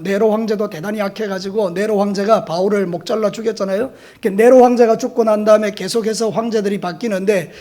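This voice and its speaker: A male pastor preaching a sermon, telling vivid stories and rising to loud emphatic declarations to his congregation. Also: high-pitched. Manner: vivid storytelling, calls out to the congregation.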